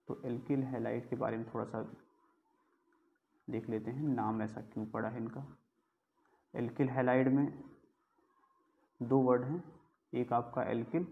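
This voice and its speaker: A man's voice: mid-range voice, gravelly. A man teaching a chemistry class in a lecture style, asking questions and answering them himself. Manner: explains step by step, asks and answers his own questions. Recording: tinny phone-like sound.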